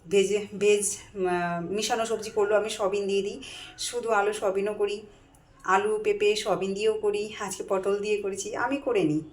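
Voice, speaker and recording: A woman's voice: medium pitch, level tone, a little fast. Chatty woman vlogging in an echoey kitchen. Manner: chatty, running commentary while cooking. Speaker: vlogger, mother cooking at home. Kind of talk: casual home cooking vlog. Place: home kitchen, indoors. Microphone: phone camera. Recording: echoey kitchen with faint frying noise.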